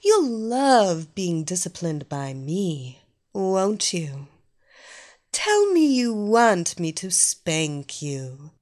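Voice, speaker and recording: A woman voicing a domineering, mocking female villain who gives orders in a slow, coaxing way. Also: fairly low pitch, sing-song, a little mellow, exaggerated voice. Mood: commanding. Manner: slow, coaxing, commanding delivery. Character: commanding, domineering woman villain, mocking and sure of her power. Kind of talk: audio story reading.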